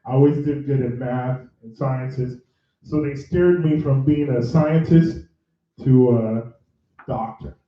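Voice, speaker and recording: A Nigerian career bootcamp host and mentor tells his story to a live audience in a large room during a workshop, chatty and often correcting himself. His mellow, mid-range voice is slow with fairly even intonation, captured far from the mic in an echoey room with dull sound and slight background noise.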